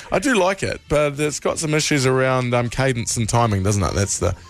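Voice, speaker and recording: A man's voice: mid-range voice, moderate pace, soft background music. A man with a New Zealand accent co-hosting breakfast radio, taking calls and teasing in a dry, chatty way. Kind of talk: joking radio banter.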